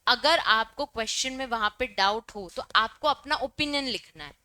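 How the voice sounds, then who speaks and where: A woman's voice: a little high, normal speed, pushed and bright, clear, resonant tone. A young woman teaching a law class, explaining with everyday examples and mixing Hindi and English terms.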